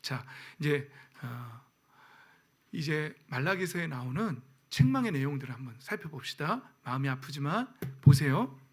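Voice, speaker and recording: A male pastor preaching a sermon, asking the congregation rhetorical questions and swinging between loud exhortation and hushed, near-whispered lines. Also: a little high, very animated, normal speed, breathy edge.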